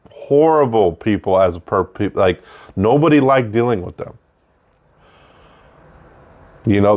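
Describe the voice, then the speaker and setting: A man with a fairly low voice hosts his own show in a loose, unscripted way. He talks conversationally and circles back to repeat his points. His breaths can be heard between phrases. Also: a little mellow. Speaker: host of a show about technical trade work. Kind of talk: casual unscripted monologue.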